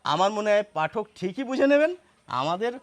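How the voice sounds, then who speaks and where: Male instructor, high-pitched voice, methodical explanatory lesson full of rhetorical questions. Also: expressive, a little fast. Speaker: Bengali spelling teacher.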